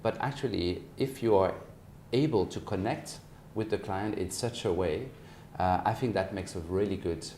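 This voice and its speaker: A French man in his forties, a company managing partner, answers interview questions as a guest in an indoor office. His low, mellow voice moves at normal speed with hardly any pauses, though he phrases things carefully and hesitantly. The recording has a roomy echo and faint background noise.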